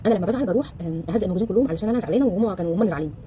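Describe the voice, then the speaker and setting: A woman with an Egyptian Arabic accent coaching a live audience in a casual, animated way, firing off rhetorical questions and acting out the voices of the people she quotes. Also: medium pitch, rapid-fire, slight background noise. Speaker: relationship coach.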